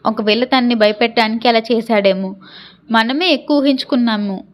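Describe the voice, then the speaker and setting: Woman voicing a calm, prodding young man. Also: on the high side, fairly quick, close to an everyday voice. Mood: urging. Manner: calming, prodding.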